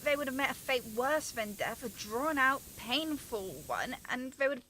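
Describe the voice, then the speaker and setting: In an amateur radio drama, a woman plays a guilt-ridden scientist, a younger sister who blames herself, pleading with anguish and urgency. Her high, animated voice is bright and forceful, a little slow, and heavily acted. The recording is rough, with slight background noise.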